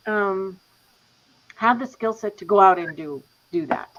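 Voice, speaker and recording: A woman's voice: medium pitch, takes it slowly. A woman hosting a casual podcast chat, laughing now and then and talking while she is losing her voice. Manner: relaxed, laughs often, walks through slides. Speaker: podcast host. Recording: slightly dull lo-fi audio.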